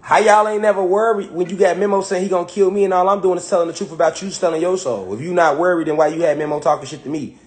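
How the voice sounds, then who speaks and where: A man's voice: high-pitched, steady tone, fast, few pauses. A man in his thirties giving confrontational reaction commentary, calling out a rapper directly in heavy street slang. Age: 30s. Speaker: commentator reacting to rap songs.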